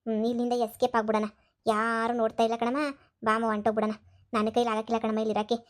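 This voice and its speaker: A woman's voice: monotone, very fast, lightly acted. A woman voicing a scheming young maid's daughter in a cartoon comedy, urging. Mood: plotting. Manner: urging, plotting in a low voice.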